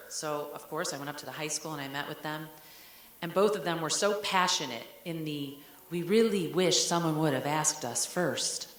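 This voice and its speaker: Low-voiced woman superintendent in a roomy hall. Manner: storytelling, warm conversational with fillers. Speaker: school superintendent. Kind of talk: speech to an audience.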